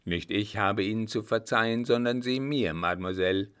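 A man playing a gruff old field marshal. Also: on the low side, normal speed, natural voice. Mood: gruff, bantering. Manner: loud, brusque, bantering.

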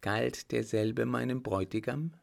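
A man voicing a timid, polite young woman who speaks softly and pleadingly, raised above his own low voice. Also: measured pace, creaky. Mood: anxious, polite. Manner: soft, pleading, formal.

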